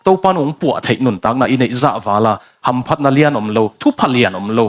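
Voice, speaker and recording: A man's voice: medium pitch, fast. A man preaching a sermon, building emphasis and dropping in English phrases.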